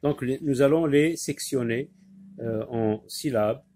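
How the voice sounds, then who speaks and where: A male teacher leading a reading lesson at an unhurried, measured pace. He says each word twice and spells out its syllables with careful patience, his pitch sitting in an ordinary middle range. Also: warm tone, a little hiss or hum. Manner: slow and deliberate, repeating each word and syllable.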